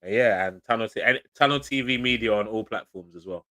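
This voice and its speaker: A man, a guest pundit in casual football banter, slangy and animated and laughing often. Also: on the low side, a little fast, no echo.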